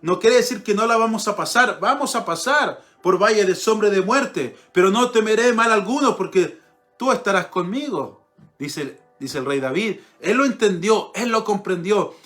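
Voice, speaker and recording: A man's voice: high voice, animated, moderate pace, fairly bright tone, soft background music. A man preaching a sermon, earnest, repeating phrases for emphasis and reading scripture aloud.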